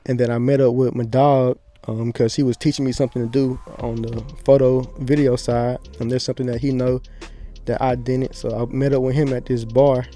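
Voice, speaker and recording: Laid-back man, mellow voice. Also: medium pitch, little pitch movement, a little fast, faint music behind. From Pensacola, Florida. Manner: laid-back, slangy, rambling storyteller. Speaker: podcast guest. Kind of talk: casual podcast chat.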